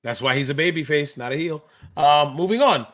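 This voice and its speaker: With a fairly high pitch, a fairly quick pace, and a fairly bright tone, a man in his thirties co-hosts a pro wrestling podcast. An active wrestler, he keeps the chat and commentary casual and packed with insider slang.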